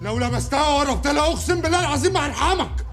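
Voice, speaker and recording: A man's voice: very high voice, animated, rapid-fire. An actor playing a protective young man with an Egyptian accent, swearing oaths and threatening in a TV drama. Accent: Egyptian Arabic. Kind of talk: TV drama acting. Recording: loud music score over the scene.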